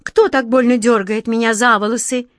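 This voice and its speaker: A proud, impatient queen made of wind and ice, as a woman reading a fairy tale puts her on. She speaks in slow, drawn-out commands and turns shrill as her anger grows. The recording is close and dry. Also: dry recording, close to an everyday voice. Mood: pained. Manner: imperious and shrill, drawn-out words.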